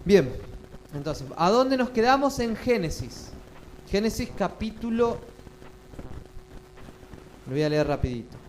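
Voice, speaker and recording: A man's voice: high voice, very animated, a little slow, pauses often, slight background noise, low-quality recording. A male pastor, preaching a sermon and often asking the congregation questions. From Chile. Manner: asks the congregation frequent questions.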